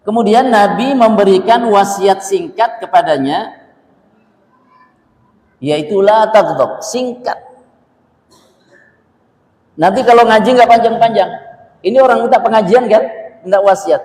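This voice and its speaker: A man's voice: high voice, normal speed, pauses often, a little mellow, roomy sound, big-room sound, rough recording. A man preaching a religious lecture in a conversational way, repeating phrases for emphasis and asking his listeners questions. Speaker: Islamic preacher.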